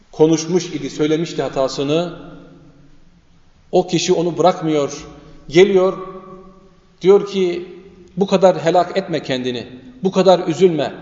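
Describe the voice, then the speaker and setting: A man's voice: on the high side, a little mellow. Man, preacher, sermon storytelling, dramatic, repetitive, long reverb. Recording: echoey reverberant lo-fi room sound.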